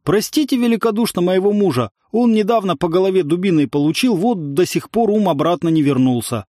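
A man voicing a big, loud peasant village woman who talks in a folksy way. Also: high-pitched, expressive, brisk, no echo, studio quality, voice pushed up. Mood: booming.

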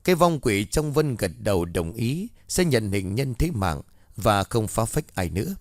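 A man narrating a ghost story at a steady storytelling pace. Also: lowish voice, unhurried, no echo, studio quality.

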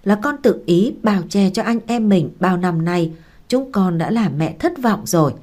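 A woman's voice: mid-range voice, lively intonation, unhurried, darkish tone. A woman reading the part of a grown son who answers his mother humbly and apologetically. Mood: humble. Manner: submissive, apologetic.

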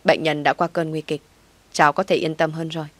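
A woman reading a calm head doctor. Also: sits low, fairly quick, no room sound. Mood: reassuring.

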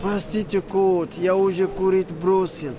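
An actor playing a young footballer, cheeky but loyal, in film drama dialogue. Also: male voice, sits high, level tone, measured pace, background noise. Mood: sheepish, excusing. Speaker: football player.

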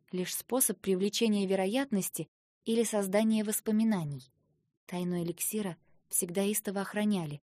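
A woman reading first-person fiction aloud in a soft, subdued manner. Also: mid-range voice, no room sound, clean studio sound. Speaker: audiobook narrator.

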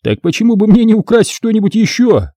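A man's voice: high-pitched, big pitch swings, fairly quick, mellow, no room sound, voice pushed up, heavily acted. A male narrator voicing a cheeky, boastful young male thief in a storybook reading.

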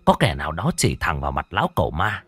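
A man's voice: very deep voice, fast, husky, no echo. Man narrating a ghost story expressively. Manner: dramatic, expressive reading. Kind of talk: scripted horror story narration.

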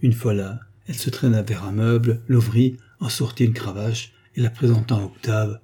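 A male narrator reads a classic novel with a measured, dramatic delivery. His voice sits low, with a dark, mellow timbre and a husky grain. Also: steady tone. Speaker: audiobook narrator.

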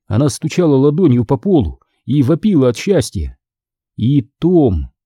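Dark, expressive male narrator. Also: mid-range voice, moderate pace, slightly rough, dry recording, clean studio sound. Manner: expressive, dramatic reading. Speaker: audiobook narrator. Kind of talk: scripted narration.

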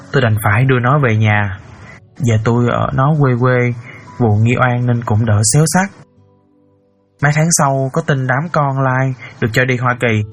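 A man with a medium-pitched voice does light acting for an audiobook, playing a middle-aged father. He earnestly tells a painful story, crying out with emotion.

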